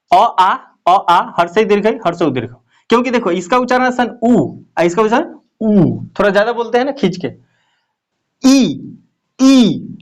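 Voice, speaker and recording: A male teacher giving a classroom lesson, often asking questions and repeating the answers. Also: high voice.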